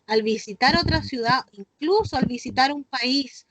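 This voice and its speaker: A woman's voice: high-pitched, moderate pace. A woman with a Chilean accent teaching an online class to children, explaining patiently and often checking in with the class. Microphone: video call. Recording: noisy video call.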